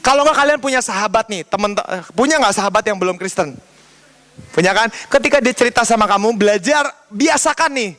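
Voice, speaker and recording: A man's voice: high voice, animated, a little fast, fairly bright tone. A young man giving a casual youth sermon, telling a story and acting out the dialogue in a chatty way. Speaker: youth pastor. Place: church youth service.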